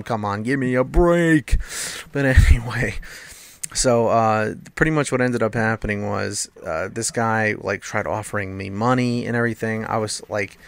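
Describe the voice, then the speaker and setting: A man's voice: lowish voice, vocal fry, a bit bright, no room sound. A young man casually telling a long personal story over gameplay, rambling with lots of fillers. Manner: rambling, filler-heavy, acts out quoted voices. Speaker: gameplay commentator.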